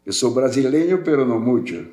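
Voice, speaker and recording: A man's voice: mid-range voice, lively intonation, fairly quick, dark tone. An older man from Portugal raised in Brazil, chatting as a podcast guest in a rambling way, repeating and restarting words. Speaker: podcast guest, welding specialist. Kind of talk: casual interview chat. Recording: roomy echo.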